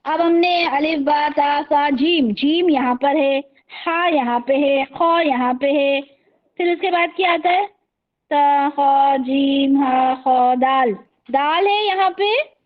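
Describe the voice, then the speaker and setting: A woman teaching an Arabic grammar class over a video call, patiently quizzing her students and slowly repeating terms. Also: high voice, dull audio. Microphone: video call microphone.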